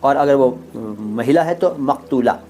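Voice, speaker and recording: A man giving a pronunciation lesson, saying each word slowly and carefully and repeating it. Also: mid-range voice, a little mellow, soft background music. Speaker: language teacher.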